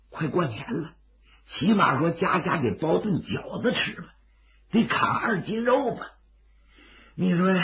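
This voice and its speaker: Casting: male storyteller as meek outlaw underling, gravelly, dramatic, plaintive, lively pitch. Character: timid bandit underling pleading on behalf of comrades. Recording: dull, lo-fi audio.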